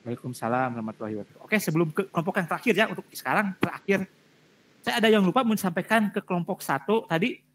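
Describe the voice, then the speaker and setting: Male lecturer, brisk delivery, blunt classroom feedback with repeated emphasis. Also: sits high, expressive, a bit bright, slight background noise. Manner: direct, repetitive emphasis with frequent fillers. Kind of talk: giving feedback on student presentations.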